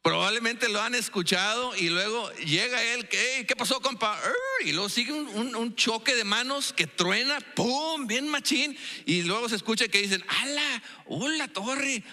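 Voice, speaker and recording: Mexican guy preaching in church, high bright voice, jokey and storytelling, echoey hall. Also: lively intonation, normal speed. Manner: playful, storytelling, jokey asides. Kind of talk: sermon. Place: church sanctuary.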